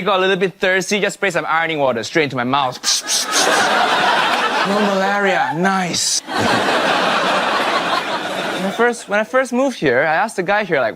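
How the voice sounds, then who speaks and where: A man from Malaysia performing a wry, sarcastic stand-up set in a conversational tone. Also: sits high. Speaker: comedian. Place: TV studio with live audience. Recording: loud audience laughter and noise.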